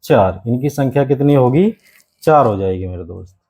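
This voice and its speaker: A man with a mellow, warm voice teaching grammar to exam candidates. He talks at a middling pitch and slows right down to repeat each phrase for dictation. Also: lively intonation, poor audio. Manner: repeats key phrases slowly for dictation, keeps calling the class "my friend". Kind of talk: exam-prep classroom lesson.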